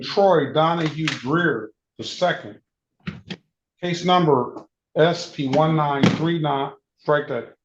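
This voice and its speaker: A man presiding as judge in a courtroom recording, calling cases and giving procedural instructions in a matter-of-fact way, repeating key points. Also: on the high side. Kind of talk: court proceedings, reading case calls. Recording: dull lo-fi courtroom audio with faint hiss.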